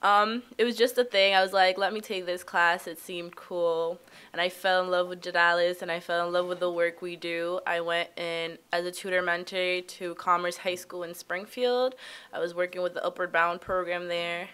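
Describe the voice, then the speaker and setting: A woman's voice: on the low side, steady tone, normal speed, fairly bright tone, smooth. A young woman from Massachusetts introducing herself at a podium, bubbly and informal. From Worcester, Massachusetts. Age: young adult. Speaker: recruitment coordinator. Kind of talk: panel self-introduction. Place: conference room. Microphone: podium microphone.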